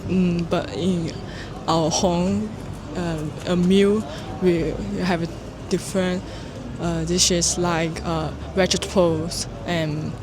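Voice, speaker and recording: A man's voice: sits high, flat delivery, takes it slowly, few pauses, noisy background. A man from China with a Chinese accent, answering street interview questions in English, hesitant and searching for words with many fillers. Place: outdoors on a city street.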